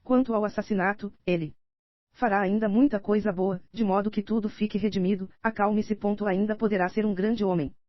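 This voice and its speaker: A woman's voice: mid-range voice, steady tone, brisk, no room sound, close to an everyday voice. A Brazilian woman voicing a scheming older nobleman in an audiobook, read steadily in her own voice, slightly dull and dry. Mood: pleading, insistent. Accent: Brazilian Portuguese.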